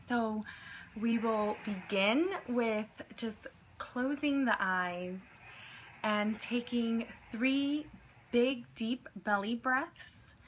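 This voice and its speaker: Slow-paced young woman guiding meditation. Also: on the high side, rough recording. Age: young adult. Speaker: meditation guide. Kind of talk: guided meditation. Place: small indoor room at home. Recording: clear background noise.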